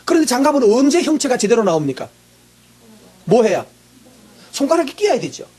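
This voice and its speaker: A male pastor preaching a sermon, asking the congregation questions and answering them himself, often clearing his throat. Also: extremely high pitch, sing-song, fairly quick, warm tone.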